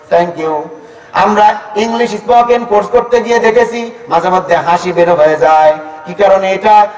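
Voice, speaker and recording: A man's voice: high voice, darkish tone. A man preaching a sermon in a rising, chanting cadence, often asking the crowd questions and waiting for their reply. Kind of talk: Bengali waz sermon. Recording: echoey, distant sermon recording.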